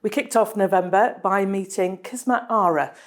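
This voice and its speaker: A woman narrating a scripted monthly news round-up for a hospital trust, upbeat and clearly read. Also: medium pitch, normal speed.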